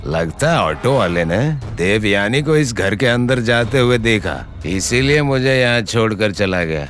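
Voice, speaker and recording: Casting: a pleading, pushy searcher, slow and lively in pitch. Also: male voice, music in the background. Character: desperate man hunting for a woman. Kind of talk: Hindi TV serial acting.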